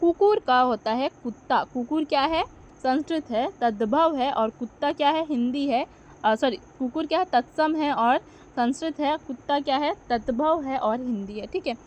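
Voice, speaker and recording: A woman's voice: high-pitched, moderate pace. A woman teaching a grammar lesson, asking questions and answering them herself, correcting her own slips as she goes.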